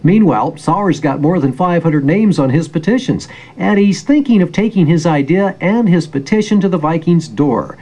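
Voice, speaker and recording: A man's voice: on the high side, darkish tone, husky. A man with an American accent narrating a scripted news feature as a public radio reporter, in a storytelling manner.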